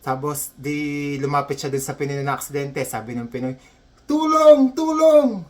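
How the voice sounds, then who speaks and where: A man telling a comedy story in a casual, chatty way, repeating himself and dropping his voice low for asides. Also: little pitch movement, a little fast. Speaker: comedy joke teller.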